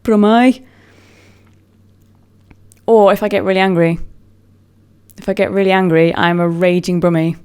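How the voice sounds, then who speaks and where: This English woman vlogs to camera in a neutral British accent, her voice on the low side, clean, a little mellow and level in tone. She talks a little fast, rambling casually and teasing herself before trailing off with fillers.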